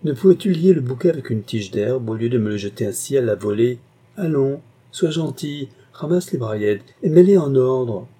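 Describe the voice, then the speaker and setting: A gentle young woman, teasing one moment and tender the next, as a male audiobook narrator puts her on. The voice stays mellow and slightly husky, coaxing rather than sharp. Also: medium pitch, animated, moderate pace. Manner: soft, coaxing, affectionate. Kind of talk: audiobook character voice.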